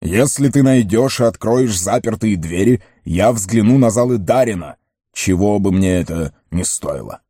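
A man's voice: fairly low pitch, expressive, normal speed, dark tone, breathy edge, no echo, clean studio sound, pitched above the performer's own voice. A man voicing a fervent, stubborn male dwarf who declaims with fire.

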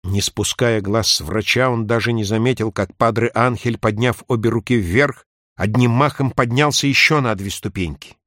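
A man reads an audiobook in a measured, even voice. His pitch sits on the low side. The recording is close and very dry. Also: no room sound. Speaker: audiobook narrator. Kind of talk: scripted narration.

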